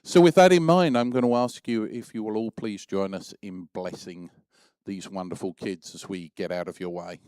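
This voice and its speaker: A man speaking at a church service as youth leader, halting with many fillers. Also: fairly low pitch, a little mellow, clean tone, no room sound.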